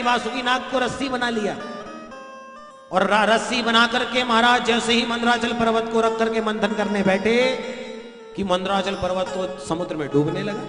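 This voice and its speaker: High-voiced man telling a devotional story. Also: a bit bright. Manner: folksy, chatty, addresses the audience directly with homely examples. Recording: echoey hall with faint music.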